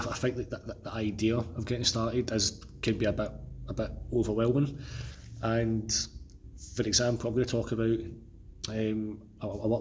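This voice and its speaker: A Scottish man who is under the weather, talking casually and haltingly as a solo podcast host, often repeating words as he goes. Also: lowish voice, a little hiss or hum. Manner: halting, stammering repetitions. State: feeling unwell, under the weather. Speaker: podcast host and personal trainer.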